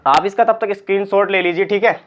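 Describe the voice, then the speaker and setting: A man's voice: sits high, fast. Man teaching grammar, repeating points. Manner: repeats points and quizzes with rhetorical questions. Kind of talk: exam-prep grammar lesson. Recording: slightly dull lo-fi sound.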